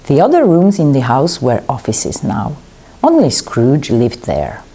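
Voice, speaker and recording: A woman reading a classic tale aloud in simple, deliberate phrases for learners. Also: extremely low pitch, wildly swooping pitch, dark tone, breathy edge. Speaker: library English consultant.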